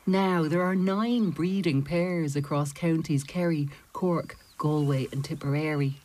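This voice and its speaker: A woman reading scripted nature documentary narration in a measured, storytelling way with deliberate pauses. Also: low voice, a little mellow.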